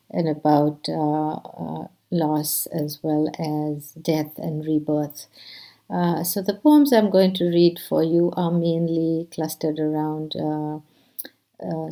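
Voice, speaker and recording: Soft, slow, low-voiced woman poet. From India. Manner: soft-spoken, hesitant with many fillers. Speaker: poet and teacher. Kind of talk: introducing a poetry reading.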